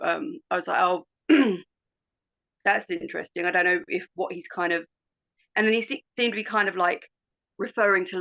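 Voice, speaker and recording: Rambling woman with a gravelly voice, heard over dull lo-fi call audio. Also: lowish voice. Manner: rambling, hesitant, many fillers. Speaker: call participant. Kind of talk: casual group call chat.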